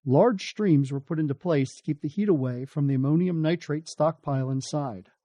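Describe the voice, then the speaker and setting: A man's voice: on the high side, normal speed, mellow, no echo. An American man reading scripted documentary narration.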